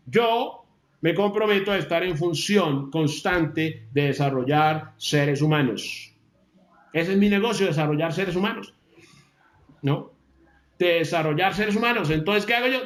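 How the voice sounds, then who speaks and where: A man giving a motivational talk, emphatic, repeating key phrases and slowing down to stress them. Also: high-pitched, fairly bright tone, reverberant. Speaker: motivational speaker.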